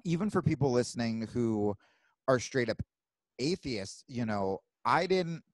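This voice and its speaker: A man hosting a podcast, chatting casually in an animated way with frequent swearing. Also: medium pitch, dry recording. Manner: animated, swearing, quick asides. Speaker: podcast host. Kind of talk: casual chat.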